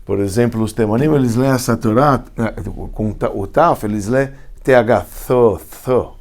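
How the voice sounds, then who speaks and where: A man's voice: mid-range voice, moderate pace. A man, a rabbi teaching Hebrew letters in a class, explaining step by step and often asking if students follow. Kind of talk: classroom lecture.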